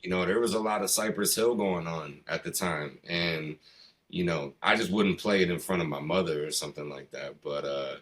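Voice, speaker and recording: A middle-aged East Coast American man, a hip hop artist in an interview, speaks with a low, slightly bright voice at a normal pace. His casual talk is loose, slangy and rambling, sprinkled with "you know" and "man."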